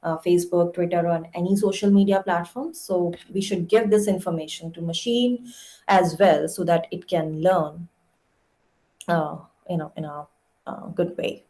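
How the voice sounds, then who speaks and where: A woman's voice: lowish voice, fairly even intonation, normal speed, mellow. A young woman giving an academic lecture, explaining step by step with frequent "uh" fillers. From India. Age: young adult. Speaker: guest lecturer.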